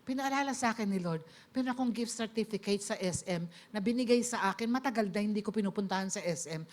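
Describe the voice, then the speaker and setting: A middle-aged Filipino woman speaks fast in a mid-range voice with a Filipino accent. She is giving a personal testimony sermon, addressing her audience politely and mixing in English.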